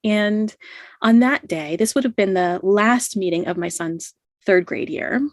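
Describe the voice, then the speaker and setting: On a podcast, a middle-aged woman shares a personal story in a casual interview, laughing often and leaning on "you know" and "like." Her medium-pitched voice is unhurried, captured with clean studio sound and no echo.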